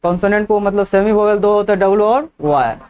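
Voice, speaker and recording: A man's voice: high-pitched, fast talker, a little mellow, smooth, lo-fi sound. A man teaching an English lesson in a folksy way, asking the class rhetorical questions and joking on the side.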